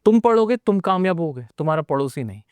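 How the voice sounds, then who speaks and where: A man's voice: fairly high pitch, sing-song, fast talker, smooth, no echo. A man teaching a spoken English class with an Indian accent, talking straight to his students in a motivational way and repeating his phrases for emphasis. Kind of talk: energetic online class lecture.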